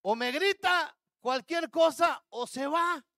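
A man's voice: extremely high pitch, slow pace, bright, forceful tone, no echo, studio quality. A man pastor preaching a sermon to his congregation, acting out the words of biblical figures. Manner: addresses congregation as brothers.

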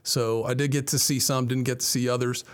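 This Miami, Florida man in his forties, a college athletics director, shares his story in a conversational way while being interviewed. His pitch is medium and his delivery is flat and fairly quick.

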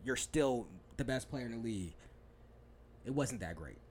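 A man's voice: medium pitch, lively intonation, moderate pace, darkish tone, a little hiss or hum. A young man in casual sports talk, ranting heatedly with profanity and laughing at himself. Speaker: podcast co-host.

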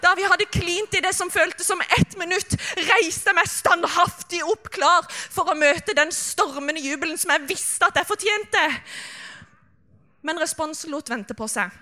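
A woman's voice: extremely high pitch, bright, forceful tone. A young woman performing a comic story on stage.

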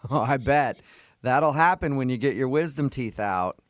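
Speaking a little slowly in a mid-range voice, a male radio host carries out a prank call, feigning confusion with a deadpan tone and stifled laughs. It's a dry, clean studio recording.

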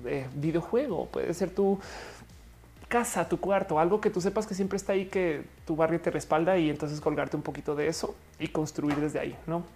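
Low mellow-voiced woman streamer. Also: moderate pace. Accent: Mexican Spanish. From Colombia. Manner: chatty, reads viewer comments aloud. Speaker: live streamer reading chat. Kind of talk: casual live stream chat.

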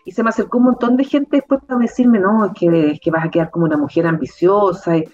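A middle-aged university rector from southern Chile speaks in a conversational interview, animated and emphatic, with frequent fillers. Her mid-range voice is fast, and the sound is lo-fi.

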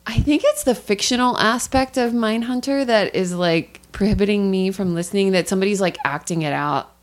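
A woman co-hosting a podcast in casual chat, blunt and quick to swear. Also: medium pitch. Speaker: podcast co-host.

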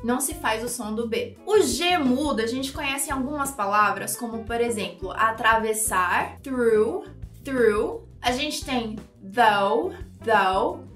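A woman teaching English pronunciation in a video lesson, speaking clearly and slowing down to model words for the viewer to repeat. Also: on the high side, fairly bright tone, recorded from a distance. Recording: roomy, off-mic with light music.

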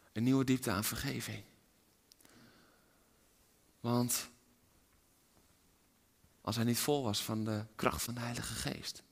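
A man preaching a sermon, dropping to hushed whispers and rising to loud, impassioned climaxes. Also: medium pitch, vocal fry.

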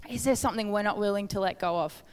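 A woman's voice: mid-range voice, fast talker, darkish tone, smooth, in a large hall. A woman giving an informal, conversational sermon, earnest and questioning toward her listeners. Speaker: preacher. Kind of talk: informal sermon with Bible reading.

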